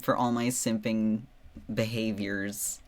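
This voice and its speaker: A man's voice: fairly low pitch, level tone, slow. A man chatting casually on a livestream in a playful, theatrical way, boasting with tongue in cheek.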